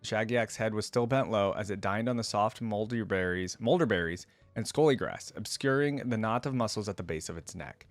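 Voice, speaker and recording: Brisk and on the low side, this man barely pauses as he reads a story aloud for his game lore reaction video, tossing in casual, slangy asides. The recording is dry.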